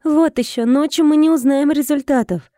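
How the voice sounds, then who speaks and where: A flustered, prickly young wife with a raised, mellow voice, as a woman reader puts her on. She bats away teasing and grumbles back. The storybook reading sounds dry and close. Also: sits high, normal speed, no echo, voice pushed up, close to an everyday voice.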